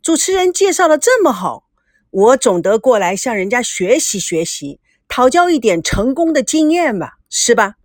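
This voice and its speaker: A woman's voice: on the high side, sing-song, moderate pace, no echo, studio quality. A woman voicing a stubborn older father who speaks curtly and sarcastically. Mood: sarcastic. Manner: curt, grumbling, sarcastic. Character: gruff stubborn older father, a company chairman.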